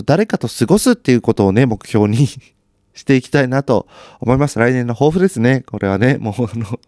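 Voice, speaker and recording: A man's voice: on the low side, a little mellow, no room sound, clean studio sound. A man chatting casually on his own while watching TV, with chatty asides and self-deprecating remarks. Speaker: solo podcaster.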